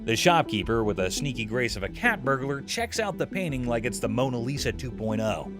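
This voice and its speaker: A man's voice: mid-range voice, very animated, fairly quick, music in the background. A man narrating a scripted comedic recap, playful and exaggerated, full of jokey comparisons.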